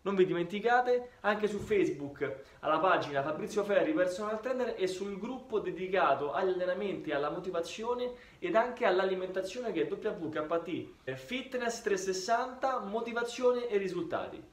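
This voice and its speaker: An Italian man in his thirties, a personal trainer and fitness channel host, gives informal, encouraging exercise instruction over background music. His voice is high-pitched and animated, at normal speed with hardly any pauses.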